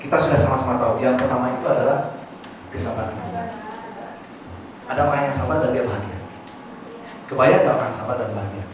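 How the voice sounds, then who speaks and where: A man leads a motivational seminar, asking the audience questions and prompting them to answer. His voice booms around a large, echoing hall and is picked up from a distance. A steady layer of noise sits underneath. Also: fast, pauses often. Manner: lively, calls on the audience to answer. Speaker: motivational speaker. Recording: echoey hall, far mic, noisy.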